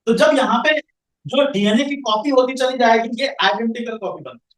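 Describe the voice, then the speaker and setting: Speaking at a normal speed in an extremely high-pitched voice, a male science teacher lectures a class. He poses questions to students and answers them himself; the recording is echoey and far from the mic.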